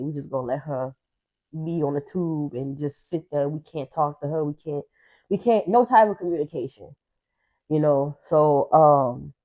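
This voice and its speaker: A woman with a low, warm, mellow voice tells a personal story. She speaks haltingly and restarts her sentences often. She sounds emotional, holding back tears. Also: rough recording. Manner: halting, with many fillers and restarts. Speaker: co-host.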